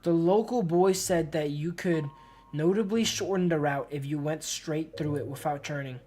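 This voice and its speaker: Over background music, a streamer with a fairly high, dark-toned voice talks at a moderate pace. He reads game story text aloud and keeps up informal chatter, regularly addressing people as bro and dude. A slight hiss or hum is audible.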